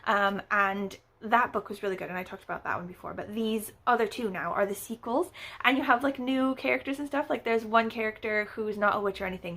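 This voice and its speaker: In a relaxed book review chat, a female book vlogger rambles, leaning on fillers and dropping wry, playfully overstated asides. Her voice is mid-range and a little bright.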